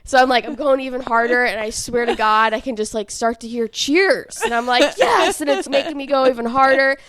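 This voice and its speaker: A woman in her thirties co-hosting a podcast, telling an embarrassing story in casual chat and acting out quotes with big jumps in pitch. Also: steady tone, fairly quick, fairly bright tone, dry recording. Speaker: podcast co-host.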